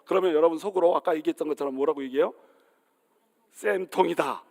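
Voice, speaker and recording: A man with a fairly high voice preaches a sermon in a church hall with a long reverb. He tells funny stories and acts out their characters, now and then asking the congregation direct questions. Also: rapid-fire, dark tone. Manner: humorous storytelling, acting out quoted voices, asking the congregation questions. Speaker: pastor.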